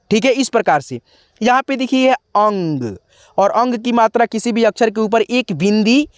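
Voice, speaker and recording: A man with a high voice teaches a lesson, checking in with his viewers again and again. He sounds out each syllable slowly and with care. The sound is dry and close. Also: no echo. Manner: repetitive, checks in with "ठीक है" and "दोस्तों". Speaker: Hindi teacher. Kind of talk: YouTube lesson, explaining.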